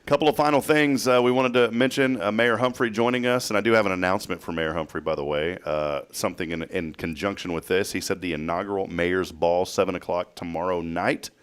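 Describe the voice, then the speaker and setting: A man's voice: low-pitched, fairly even intonation, brisk, few pauses, a bit bright, smooth. A man hosting a casual morning talk show from a small studio, joking as he reads news items and quizzes his co-hosts. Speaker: host. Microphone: headset.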